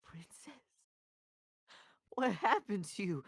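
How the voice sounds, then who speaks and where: A woman's voice: medium pitch, big pitch swings, takes it slowly, husky, dry recording, clean studio sound, full character voice. A woman voicing a jittery, talkative male donkey who stammers and rambles in an amateur fan dub. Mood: fumbling.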